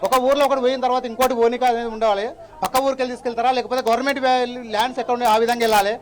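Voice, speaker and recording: A man's voice: very high-pitched, level tone, racing. A man farmer, interviewed outdoors at a protest, speaking urgently about losing his land. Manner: urgent, complaining. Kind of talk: on-the-spot interview.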